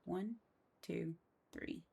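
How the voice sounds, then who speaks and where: A low-voiced woman talks through a building tutorial in a slow, gravelly voice, counting every step half to herself. Loud mouse and keyboard clicking runs behind her. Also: background noise. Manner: counts steps aloud under her breath. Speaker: game building tutorial host. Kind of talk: casual step-by-step voice-over.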